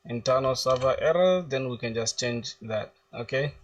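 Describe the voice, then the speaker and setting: A man's voice: mid-range voice, normal speed, distant mic. A young man from South Sudan live-streaming his coding, thinking aloud as he types and reading viewers' chat questions aloud in casual slang. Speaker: coding livestreamer.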